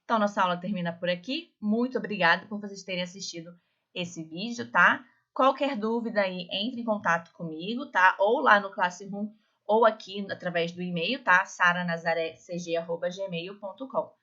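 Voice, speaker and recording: A woman's voice: medium pitch, pushed and bright. Patient woman teaching, slightly dull audio. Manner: patient, repeats words slowly with frequent "tá?". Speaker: Spanish teacher. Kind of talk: recorded online class.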